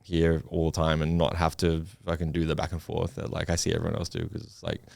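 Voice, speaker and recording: A man's voice: rumbling low, monotone, quick pace, gravelly, darkish tone, no echo, studio quality. An Australian man talking casually as a podcast guest, rambling with lots of fillers and restarts. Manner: rambling, many likes and restarts, swears. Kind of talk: casual chat.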